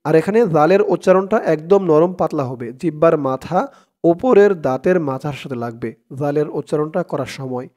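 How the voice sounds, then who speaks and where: A man with a Bangladeshi Bengali accent teaching Quran reading, chanting verses slowly and then breaking the words into syllables. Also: a little high, a little mellow. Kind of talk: slow step-by-step recitation lesson.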